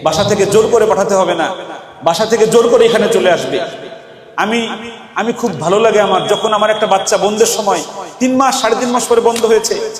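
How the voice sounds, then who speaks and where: A man's voice: sits high, brisk. A man giving an impassioned sermon as a madrasa teacher, calling on the audience to answer back. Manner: impassioned, calls for audience responses. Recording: echoey hall with crowd.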